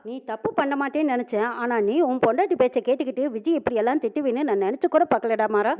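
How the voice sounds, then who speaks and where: Woman doing a stern older matriarch, scolding, commanding, fast, tinny phone-like sound. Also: high voice, natural voice.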